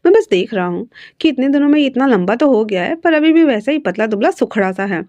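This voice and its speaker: A woman's voice: on the high side, animated, brisk, dark tone, no echo, highs cut off, lightly acted. Stubborn young man, cheeky and teasing, storybook part read by a woman with a dry, close sound.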